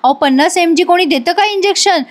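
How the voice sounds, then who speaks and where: A woman voicing a sharp, bossy young woman who scolds and reproaches. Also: very high voice, brisk, voice pushed up. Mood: scolding.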